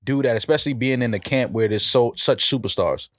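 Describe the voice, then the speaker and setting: A man's voice: medium pitch, fairly quick, a bit bright, no echo, studio quality. A man co-hosting a podcast in casual, slangy talk, repeating phrases for emphasis. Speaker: podcast co-host.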